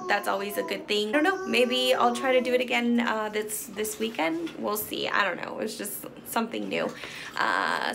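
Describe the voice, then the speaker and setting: With a medium-pitched, creaky, somewhat bright voice, a vlogging mom in her thirties chats to her arm's-length phone camera at home and while driving. Her talk is rambling, full of fillers and soft laughs, over slight background noise.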